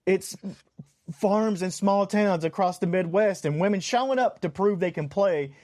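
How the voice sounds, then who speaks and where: A man's voice: high voice, normal speed, darkish tone, no echo, clean studio sound. A man co-hosting a podcast in casual chat, earnest and prone to repeating words as he builds a point. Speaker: podcast co-host.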